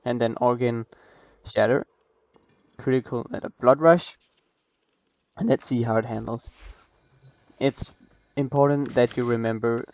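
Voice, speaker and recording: A man's voice: mid-range voice, steady tone, unhurried, long pauses, darkish tone, dry recording. A man talking casually through a game build walkthrough late at night, rambling and apologetic, with a cough, recorded close on a desk mic. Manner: apologetic, rambling, many restarts. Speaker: gameplay guide creator.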